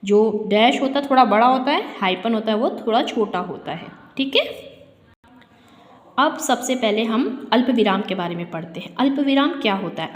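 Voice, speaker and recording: A woman teacher leads a grammar lesson, speaking in a slightly high voice. She explains slowly and deliberately, stopping often to pose rhetorical questions to her pupils. The room rings with a long, echoing reverb. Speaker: school teacher.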